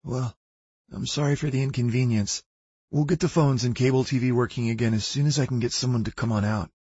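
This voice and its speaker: A man's voice: medium pitch, steady tone, a little fast, a little mellow, breathy edge, dry recording, pitched above the performer's own voice, close to an everyday voice. A man voicing a nervous teenage male hotel clerk who speaks hesitantly and apologetically. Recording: dull lo-fi recording.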